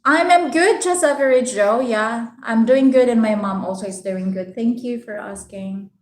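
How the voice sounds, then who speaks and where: Female livestream host, Bisaya Filipino accent, higher voice, polite halting chat, roomy echo. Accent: Filipino, Visayan (Bisaya). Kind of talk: casual live chat, answering viewers' comments. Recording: roomy, echoing room sound.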